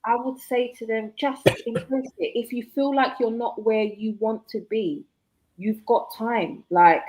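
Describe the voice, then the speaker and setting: A woman's voice: fairly high pitch, darkish tone, rough recording. A woman, chatting casually as a guest author, reflective and laughing often. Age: 40s. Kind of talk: casual live chat.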